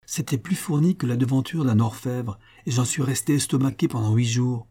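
A man voicing a sly, cheerful young male boatman who talks boldly and lively in a storybook reading. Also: mid-range voice, fairly quick, slightly rough, close to an everyday voice. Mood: boastful.

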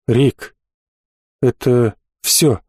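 Distraught lawyer guy, middle-aged, flips from flat to shouting, a man reading him, dry close sound. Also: mid-range voice, drawn-out words, breathy edge, no echo, pitched below the performer's own voice. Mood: quiet. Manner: agitated, breaking into shouts.

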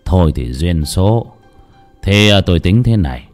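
A man doing a weary, low-voiced old exorcist. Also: lively intonation, a little mellow, soft background music. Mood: weary, resigned. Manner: low, sighing, measured.

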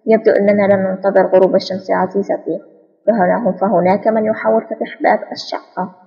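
Woman voicing a cool male spy hero, sarcastic, quick, raspy voice, audiobook, dull reverby sound. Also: mid-range voice, little pitch movement. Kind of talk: audiobook spy novel reading.

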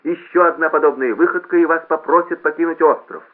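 Man voicing a loudspeaker announcer, high, mocking, bossy, tinny phone-like audio. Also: brisk, close to an everyday voice. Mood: scolding. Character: brash male banquet announcer over loudspeaker.

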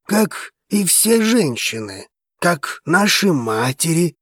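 A man doing a calm, steady dragon friend. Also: sits high, husky, no echo, clean studio sound, voice pushed up, heavily acted. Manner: slow, soothing, measured.

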